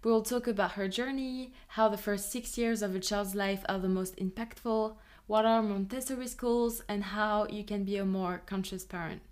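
A woman's voice: medium pitch, steady tone, normal speed, few pauses, a little mellow. A woman hosting a podcast who introduces the show and greets her guest in an upbeat, enthusiastic way. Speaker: podcast host.

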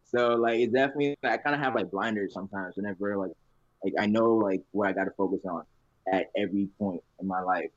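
A man's voice: fairly low pitch, fast talker, no room sound. A young man chatting casually as a podcast guest in a slangy frat-bro way, confident and emphatic, full of filler "like" and "man". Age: young adult. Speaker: guest, competitive college lifter. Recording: dull, lo-fi sound.

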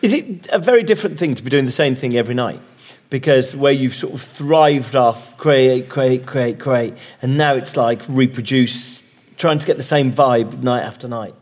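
A man's voice: medium pitch, moderate pace, a little mellow. A male interviewer asking thoughtful, probing questions in a live conversation.

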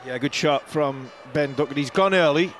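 A man with a slightly high voice gives expert cricket commentary, breaking down shots after they happen. There is faint outdoor noise behind him. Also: normal speed. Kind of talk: cricket commentary, analysing each shot.

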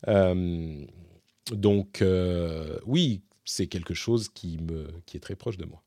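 A man's voice: sits low, takes it slowly, dark tone, no room sound, studio quality. A man hosting a casual question-and-answer session, talking in a rambling way with many fillers and restarts. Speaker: host. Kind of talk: casual Q&A monologue.

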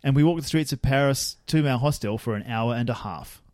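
An Australian man in his younger years, rambling through a travel story with restarts and chuckles. His voice sits at an everyday middle pitch, recorded close and dry with no room around it. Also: brisk, darkish tone, dry recording. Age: young adult. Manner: rambling anecdotes with self-corrections and laughs. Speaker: podcast co-host. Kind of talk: casual chat, storytelling.

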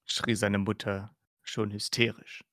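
A man, a podcast host, reading narration from a novel, steady with small slips. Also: lowish voice, takes it slowly, no room sound, studio quality.

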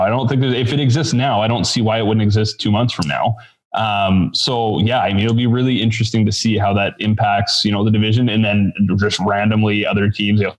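A man's voice: lowish voice, low-quality recording. A man hosting a casual sports podcast, talking with frequent restarts and hesitations.

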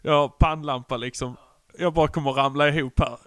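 A man's voice: on the high side, steady tone, a bit bright, dry recording. Man asking questions, dry close sound. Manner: probing questions, chuckling. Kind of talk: casual conversation.

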